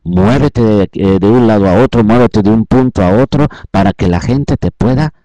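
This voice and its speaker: A man's voice: on the low side, moderate pace, dry recording, poor audio. A man giving an instructional talk on public speaking, repeating points and asking rhetorical questions. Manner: repetitive, rhetorical questions, varies loudness often.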